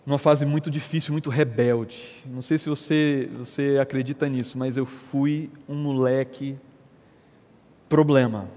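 A man preaching a sermon as a pastor, telling stories in a lively, conversational way. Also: mid-range voice, a little slow, big-room sound. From Brazil. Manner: animated, conversational preaching with storytelling.

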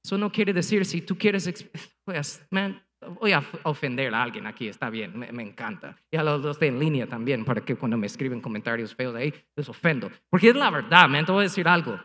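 Bright-voiced preacher in a reverberant church. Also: male voice, medium pitch, expressive, a little fast. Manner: emphatic preaching with rhetorical questions and punchy sound effects. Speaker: pastor. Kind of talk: sermon. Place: church sanctuary before a congregation, also streamed online.

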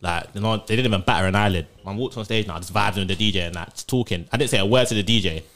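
A man's voice: lowish voice, very fast, background noise. A young man with a London accent chatting on a podcast in laddish, slang-heavy banter. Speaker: guest podcaster. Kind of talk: casual podcast chat.

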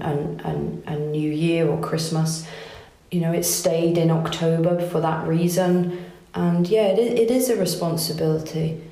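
Her voice low and gravelly, this forties-aged competition organiser who grew up in Wales keeps the casual interview chatty, punctuated by warm laughter and many false starts. The recording carries a roomy echo.

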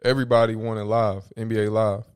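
A man's voice: fairly low pitch, flat delivery, a little fast, smooth, no room sound, clean studio sound. A young man co-hosting a sports podcast, casual and joking. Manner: laid-back, joking, slangy. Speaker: podcast co-host.

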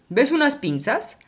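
A woman voicing a bodiless, teacher-like guide in a children's cartoon, calmly explaining, over light music. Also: medium pitch, breathy edge, full character voice. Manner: patient, explaining, occasionally scolding. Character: patient female guiding voice with no body. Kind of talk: children's educational cartoon acting.

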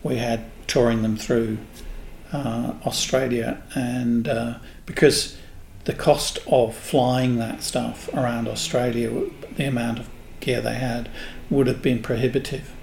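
A man in his sixties from England, a guest in an interview, telling unhurried stories about his past. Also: medium pitch, little pitch movement, vocal fry, darkish tone. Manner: unhurried, anecdotal storyteller. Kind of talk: reminiscing in a casual interview. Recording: echoey room with faint noise.

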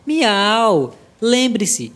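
A woman's voice: on the high side, sing-song, very slow, fairly bright tone, full character voice. A woman voicing Abel, a meowing teacher cat. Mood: kind. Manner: patient, encouraging. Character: friendly cat character who teaches, meows. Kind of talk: children's educational audio drama.

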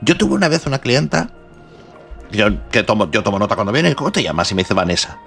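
A man's voice: medium pitch, big pitch swings, fairly quick, creaky, a bit bright. A blunt, foul-mouthed man trades jokes on a comedy podcast. His voice swings widely up and down as he rants, and faint music hums underneath. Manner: brash, blunt, swears freely. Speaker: podcast co-host. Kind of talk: crude comedic banter.

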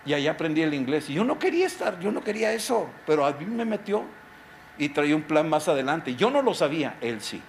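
Middle-aged preacher, slightly high voice, emphatic sermon full of rhetorical questions, faint background noise. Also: male voice, very animated, a little fast. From Mexico. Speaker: pastor.

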